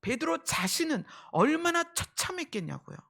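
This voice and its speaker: A woman pastor preaching a sermon, swinging between raised emphasis and hushed whispers. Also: high voice, sing-song, normal speed, creaky.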